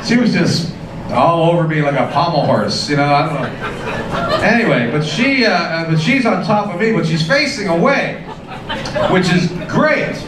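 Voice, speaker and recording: A man's voice: a little high, lively intonation, moderate pace. A middle-aged man doing a stand-up set, telling self-mocking stories with false starts and restarts. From Canada. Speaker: stand-up comedian. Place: comedy club stage. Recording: echoey club recording from far off with loud audience noise. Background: audience laughter.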